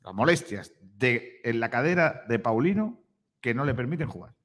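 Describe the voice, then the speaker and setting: Male sports host, Spain accent, mid-pitched, informal repetitive banter, long room reverb. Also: very animated, normal speed, a bit bright. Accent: Spanish, from Spain. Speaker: host of a sports talk show. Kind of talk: casual banter.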